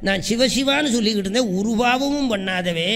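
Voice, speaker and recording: A man's voice: high voice, brisk, fairly bright tone. A man voicing a pious hundred-year-old hermit who questions indignantly why he was punished. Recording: echoey hall with long reverb.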